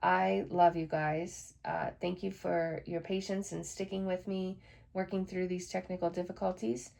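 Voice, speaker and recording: A woman hosts her own podcast, chatting casually and frankly. Her voice sits low and gravelly, with a dark, mellow tone. She lets a swear word slip now and then. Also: flat delivery, a little slow. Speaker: podcast host. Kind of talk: casual solo podcast chat.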